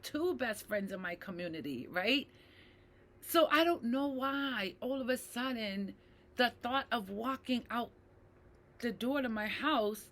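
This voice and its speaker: A middle-aged woman who advocates for mental health talks to camera in a personal, emotional way, her voice sitting high, pushed and bright. She fills her speech with fillers and tag questions as she addresses her viewers.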